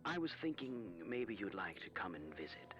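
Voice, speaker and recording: A man playing a friendly caller leaving a message on an answering machine cassette tape, chatty with hushed asides. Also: fairly low pitch, very animated, moderate pace, lo-fi sound, soft background music. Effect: voice recorded on an answering machine cassette tape.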